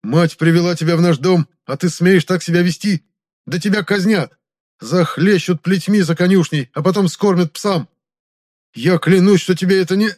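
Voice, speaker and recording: A man voicing an arrogant young male noble held captive, shrill, blustering and pleading in a high voice. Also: moderate pace, darkish tone, close to an everyday voice. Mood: threatening.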